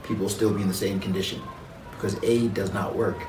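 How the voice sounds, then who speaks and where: Man from jamaica being interviewed, slow thoughtful talk with lots of ums, echoey room, light noise behind. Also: deep voice, steady tone, recorded from a distance. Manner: reflective, measured, with frequent um and uh. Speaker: interview guest. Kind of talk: conversational interview.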